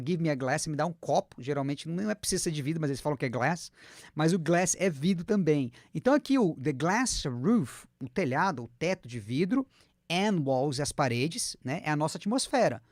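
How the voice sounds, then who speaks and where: A man's voice: on the high side, no room sound, clean studio sound. A man teaching an online English lesson, chatty and encouraging, whose first language is Portuguese. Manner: lively, chatty, repeats words slowly for students to copy.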